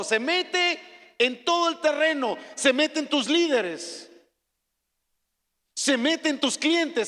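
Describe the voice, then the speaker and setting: A pastor delivers a sermon in a high, bright voice that rings out in a large church hall with a long reverb. He swings between soft, hushed pleading and loud, shouted calls to the congregation. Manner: preaching with dramatic swings, from soft pleas to shouting.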